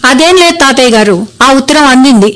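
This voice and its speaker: An actress playing a dutiful but tart young wife in an old radio show drama. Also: female voice, high voice, lively intonation, quick pace, a bit bright.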